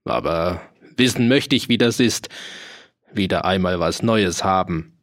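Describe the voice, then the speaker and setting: Voicing a roguish, cheerful male mercenary who speaks in dialect, this man uses a low, pushed-down voice at a somewhat slow pace. He's jovial, boastful and teasing, breaking into laughter now and then.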